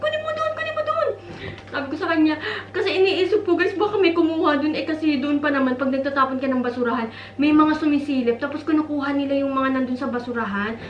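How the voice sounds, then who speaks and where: A woman from the Philippines telling a story in a casual vlog, chatty and talking straight to her viewers. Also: sits high. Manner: chatty, addresses viewers as guys, mixes in English. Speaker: vlogger. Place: home. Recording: roomy echo, distant mic, faint ambience.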